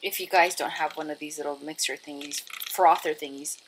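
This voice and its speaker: Hosting a casual cooking demonstration to camera, a woman walks viewers through each step in a chatty, informal way, calling them guys and friends. Her voice is low-pitched and steady, fairly quick, against heavy background noise.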